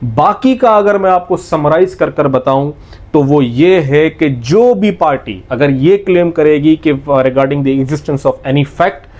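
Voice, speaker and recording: A law lecturer with a Pakistani accent and a fairly high, slightly mellow voice teaches methodically. He works through each point step by step, repeats it with emphasis, and slips English technical terms into his explanation.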